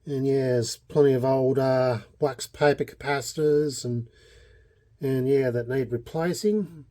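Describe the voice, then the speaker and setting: In a medium-pitched, steady, mellow voice that runs a little slow, an Australian hobbyist vlogger presents a casual show-and-tell without a script. He meanders and hesitates throughout, leaving thoughts trailing.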